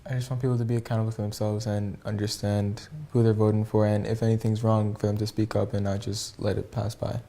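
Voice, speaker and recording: Fast, flat-toned young male student. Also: lowish voice. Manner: firm and determined. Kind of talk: interview answers.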